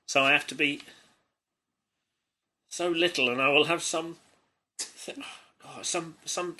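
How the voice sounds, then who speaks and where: A fairly high-pitched, pushed and bright voice belongs to an English man co-hosting a comedy podcast. He reads a child's stories with giggles, stumbling regularly and pausing for amused remarks.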